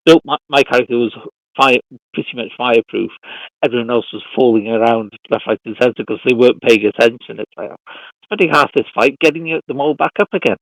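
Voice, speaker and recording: A man's voice: mid-range voice, no echo, poor audio. A man playing a tabletop game, talking casually with the group. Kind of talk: casual chat.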